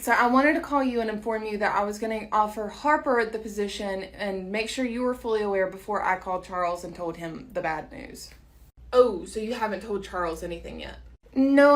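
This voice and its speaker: A woman's voice: mid-range voice, fairly bright tone. A young woman chatting through a casual role-play storytime with lots of fillers.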